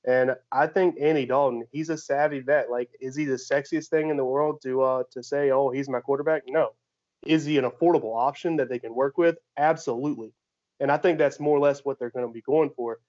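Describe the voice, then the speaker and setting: A man co-hosting a sports podcast in easy, casual chat. He talks at a middling pitch, circles back over his words as he builds his argument, and the audio is dull and a bit lo-fi. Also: steady tone, a little fast, a little mellow. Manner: laughs while making his case, rambling restarts.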